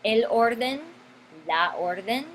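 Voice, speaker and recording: A woman's voice: a little high, lively intonation, slow pace, a little hiss or hum, rough recording. A woman teaching a grammar lesson, stretching out key words and repeating them for her students. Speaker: Spanish teacher.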